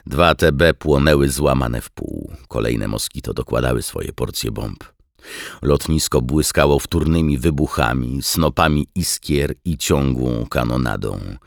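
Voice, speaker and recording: Very deep, gravelly male narrator. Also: no echo, clean studio sound. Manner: steady, measured reading. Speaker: audiobook narrator. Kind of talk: scripted narration.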